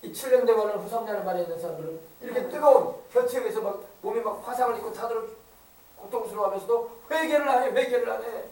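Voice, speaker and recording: A man's voice: very high-pitched, quick pace, a little mellow, roomy sound, recorded from a distance, rough recording. A male pastor preaching an emphatic sermon, often asking the congregation to agree. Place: church sanctuary.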